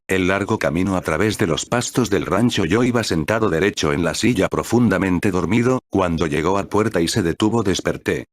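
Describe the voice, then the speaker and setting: Man, audiobook reader, very low voice, steady earnest devotional reading. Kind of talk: read aloud devotional audiobook.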